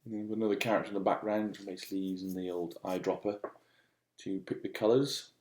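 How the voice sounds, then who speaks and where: A man giving a casual, unscripted voice-over demo as a digital artist, speaking in a halting, musing way. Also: sits low, steady tone, a little mellow, roomy sound. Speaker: digital artist demonstrating own work.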